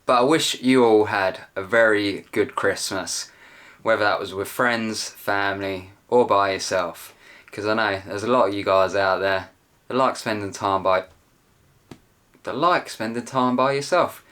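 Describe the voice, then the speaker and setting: A man's voice: lowish voice, unhurried, a bit bright. A young man hosting his own video channel, chatting in a rambling, self-deprecating way. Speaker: channel host. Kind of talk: casual video chat.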